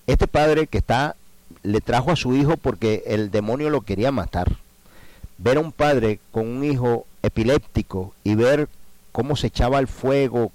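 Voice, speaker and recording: Male preacher, sermon delivery, middle pitch, big swings between soft prayer and loud emphatic lines. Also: no echo, poor audio.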